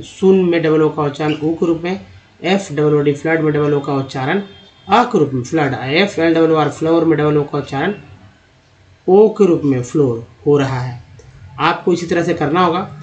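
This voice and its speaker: Male English teacher, slightly high voice, slow careful spelling-out, dull lo-fi sound. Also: a little mellow. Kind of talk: explaining a lesson.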